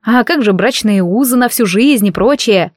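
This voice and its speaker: A woman reading the part of a sharp-tongued young heroine, quick to bristle, who throws out her questions with indignant emphasis. The voice sits slightly above the reader's usual pitch. It is recorded dry and close. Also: no echo, close to an everyday voice. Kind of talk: audiobook character reading.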